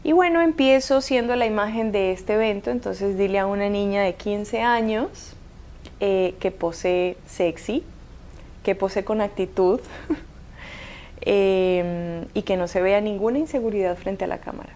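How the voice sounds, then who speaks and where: A woman in her thirties from Cuba, whose accent mixes Cuban and Colombian Spanish, tells her life story as a guest in an interview. She speaks at a measured pace in a medium-pitched, slightly mellow voice, hesitating often with fillers and restarts. There's slight background noise.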